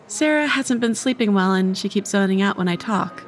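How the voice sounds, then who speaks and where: A young woman with an expressive, mid-range voice close to everyday speech, talking a little fast in a low-quality recording. She plays a chatty, blunt college student who cares about her friend, giving a wry, teasing, casual delivery in an old-time-radio-style audio play.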